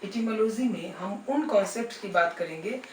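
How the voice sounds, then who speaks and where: A man's voice: high voice, normal speed, a little hiss or hum. A man teaching an English lesson, fondly addressing his students and repeatedly asking them rhetorical questions. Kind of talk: classroom lesson video. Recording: roomy and distant with faint music.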